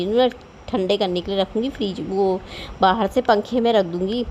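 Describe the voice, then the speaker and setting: A woman's voice: medium pitch, dark tone, a little hiss or hum. A woman in her thirties chatting at home about her day and her cooking, rambling and homely. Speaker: vlogger. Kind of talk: casual voice-over cooking vlog.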